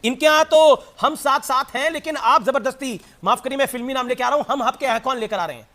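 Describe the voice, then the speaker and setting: A man moderating a heated television debate, cutting in briskly to steer the speakers. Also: very high voice, sharp tone. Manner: brisk, cuts in with quick acknowledgments. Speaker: TV debate anchor.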